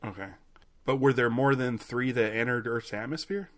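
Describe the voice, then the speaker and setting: A man's voice: mid-range voice, steady tone, normal speed, a bit bright. A man co-hosting a podcast, chatting casually, laughing easily and hesitating now and then. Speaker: podcast co-host. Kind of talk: casual chat.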